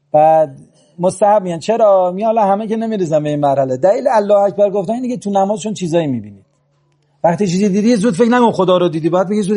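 A man preaching a religious lecture, slow and emphatic, reciting short Arabic verses. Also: sits high, a little mellow.

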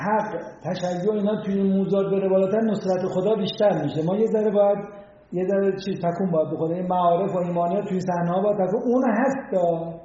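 A man with a fairly high, mellow voice delivers a casual religious lecture, often pausing to ask his listeners rhetorical questions. The recording is very echoey and dull. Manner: conversational, asks rhetorical questions. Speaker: religious speaker.

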